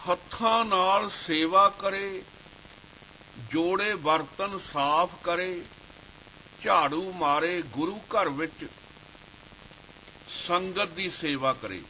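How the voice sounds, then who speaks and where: A man preaches slowly and deliberately, his higher voice bright and clear. He recites scripture verses in a measured, chanting cadence. A faint hum sits under the recording. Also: low-quality recording. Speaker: Sikh preacher. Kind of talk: slow devotional sermon with scripture recitation.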